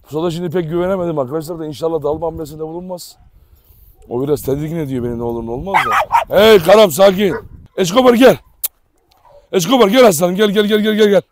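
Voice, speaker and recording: On his dog farm, a fast-talking man with a voice on the high side gives casual commentary while handling the dogs. He chats affectionately with viewers and shouts commands, with barking in the background.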